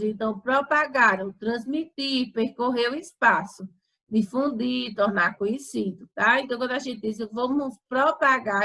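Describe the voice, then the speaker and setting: A woman's voice: a little high, fairly bright tone, rough recording. A woman teacher with a Brazilian accent going over homework answers, patiently stretching words out syllable by syllable. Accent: Brazilian Portuguese. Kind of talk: explaining homework corrections.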